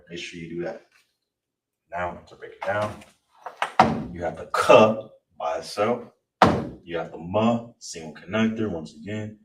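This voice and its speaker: A deep-voiced man teaches a live-streamed online language class in a relaxed manner, often asking "you understand?" and "all right?" The recording sounds roomy and distant, with a faint hiss.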